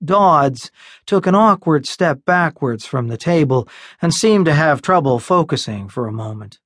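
A man narrating an audiobook in a measured, unhurried storytelling manner, recorded close on a studio mic. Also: a little high, lively intonation, a bit bright, no echo. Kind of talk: scripted narration.

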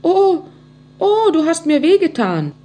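A woman's voice: expressive, slow pace, heavily acted. A woman voicing a tiny, pleading voice coming from inside a talking log of wood in a storybook. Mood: pained. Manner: high, plaintive and whimpering.

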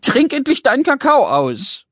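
A man voicing a tiny, excitable and impatient pink male creature in a children's audiobook, chattering nonstop in a whiny, fussy way. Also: extremely high pitch, normal speed, dry recording, clean studio sound, pitched above the performer's own voice, heavily acted.

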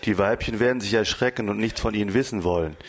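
A gruff, grumpy barber who brushes off his customer in a low voice, read by a man. The part stays close to the reader's own speech, so it comes across as dry and matter-of-fact. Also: fast. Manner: gruff and dismissive. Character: grumpy, crude male barber.

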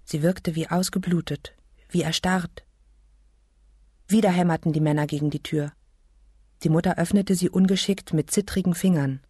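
Audiobook reader, woman, husky, dry studio, measured. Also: fairly low pitch, fairly even intonation, mellow, no echo. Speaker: audiobook narrator. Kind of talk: scripted narration.

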